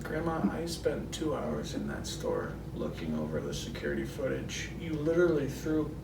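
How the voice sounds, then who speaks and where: Creaky, deadpan, exasperated grandson, acted by a man. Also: medium pitch, normal speed. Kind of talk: improvised comedy role-play. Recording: roomy, noisy, distant mic.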